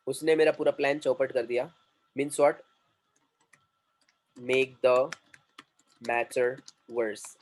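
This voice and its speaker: Man teaching English phrases slowly. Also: mid-range voice, rough recording. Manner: explains slowly, repeating English phrases and translating them. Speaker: English communication trainer. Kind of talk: classroom teaching.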